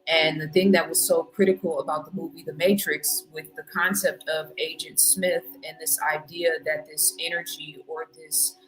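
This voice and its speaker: Laid-back woman, livestream host, lowish voice, chatty greeter. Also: little pitch movement, normal speed, few pauses, over music, low-quality recording. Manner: laid-back, greets chat viewers warmly by name. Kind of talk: casual livestream chat.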